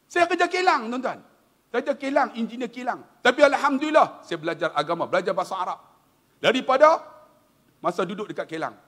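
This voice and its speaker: A middle-aged man with a Malaysian accent giving an animated, humorous religious talk. He keeps addressing the audience directly. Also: on the high side. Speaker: religious lecturer. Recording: long hall reverb.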